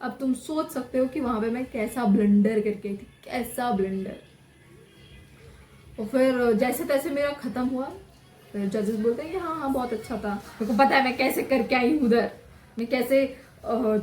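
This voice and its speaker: Young woman vlogger, lively storyteller, high voice, echoey room with faint hum. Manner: lively, animated, self-mocking; says her voice is normally loud. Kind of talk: casual storytelling vlog.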